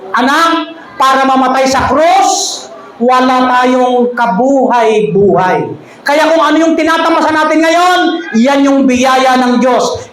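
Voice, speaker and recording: High-voiced woman preaching in an echoey hall. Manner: humorous preaching with jokes and laughter; addresses the congregation directly. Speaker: pastor. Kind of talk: sermon. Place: church hall. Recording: echoey hall with faint ambience.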